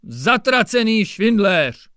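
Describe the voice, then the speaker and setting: A man's voice: high-pitched, big pitch swings, fairly bright tone, dry recording, clean studio sound, pitched above the performer's own voice. A man doing a barking irritable judge. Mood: furious. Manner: barking, scolding outbursts. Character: irritable blustering male district judge, middle-aged.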